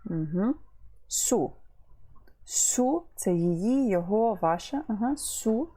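Woman teacher walking through a language lesson, patient, mellow voice, lots of repeating and ums. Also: medium pitch, lively intonation, husky. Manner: patient, explains slowly with fillers and repeats.

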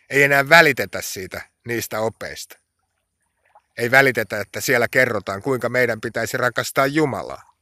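Impassioned preaching man, bright dry voice. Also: mid-range voice, dry recording. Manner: impassioned, rising to pleading cries in prayer. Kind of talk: sermon.

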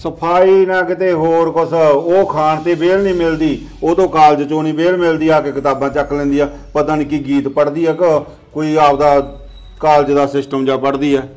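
A man playing a gruff, controlling father. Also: a little high, flat delivery, normal speed, darkish tone, close to an everyday voice. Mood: grumbling. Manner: gruff, dismissive. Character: harsh controlling village father. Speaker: father of the household.

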